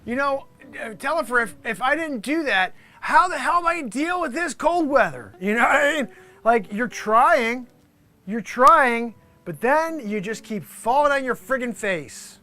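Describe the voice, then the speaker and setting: A man's voice: very high voice, expressive, unhurried, sharp tone. A man improvising a mock live weather report as a flustered, aggrieved TV reporter, rambling and complaining in exasperation. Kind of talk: improvised mock news report, ranting monologue.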